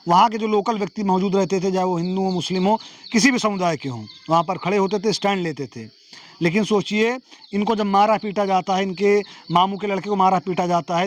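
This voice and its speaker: A man reporting from the field for local news, speaking with passion and asking rhetorical questions. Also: sits high.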